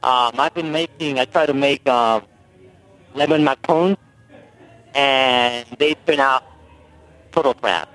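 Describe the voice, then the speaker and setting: Radio caller, male, on a glitchy, buzzy phone connection that cuts out, talks haltingly. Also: mid-range voice, a bit bright. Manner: halting, searching for words with ums. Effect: buzzy glitchy phone line that keeps breaking up. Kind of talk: call-in question on a radio show.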